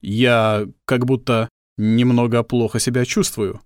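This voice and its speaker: A courteous household robot, read by a male narrator, talks slowly and formally, pausing as if unsure of himself. The voice stays at an ordinary male pitch. The recording is close and dry. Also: flat delivery, smooth, no echo, natural voice. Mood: hesitant. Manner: slow, measured, formal and hesitant.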